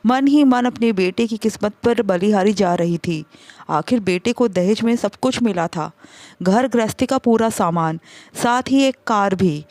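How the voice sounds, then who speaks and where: A woman narrating a scripted family story in a steady, measured way. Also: mid-range voice, no echo.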